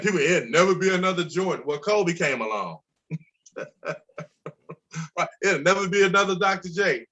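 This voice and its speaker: Forty-something guy from chicago, high bright voice, swears a lot and hammers his points home. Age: 40s. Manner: emphatic, profane, animated storytelling. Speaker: insurance broker guest. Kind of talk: casual podcast conversation.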